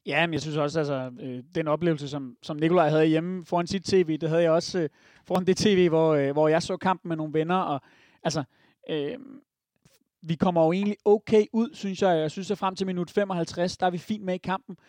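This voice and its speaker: Opinionated Danish man, slightly high voice. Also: fairly even intonation, darkish tone, no echo, studio quality. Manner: opinionated, many fillers. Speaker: podcast panelist. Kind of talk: casual football chat.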